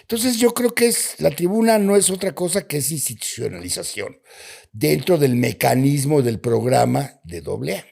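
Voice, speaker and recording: Male guest, gravelly fry in the voice, earnest explainer. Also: fairly high pitch, lively intonation, normal speed, a little mellow. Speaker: guest, AA member. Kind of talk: conversational discussion.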